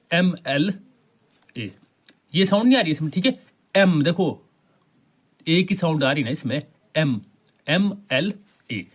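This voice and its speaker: Teacher asking himself questions, slightly high-voiced. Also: male voice. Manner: slows right down to read English sentences aloud; keeps asking questions and answering them himself. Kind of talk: explaining an exam paper.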